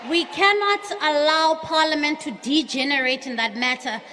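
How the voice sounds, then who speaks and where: High-voiced South African woman addressing parliament. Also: moderate pace, crowd noise, background noise. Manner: forceful oratory, switching into isiXhosa. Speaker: opposition chief whip. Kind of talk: parliamentary debate speech. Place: large parliamentary chamber, indoors. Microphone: podium microphone. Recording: broadcast feed with long hall reverb.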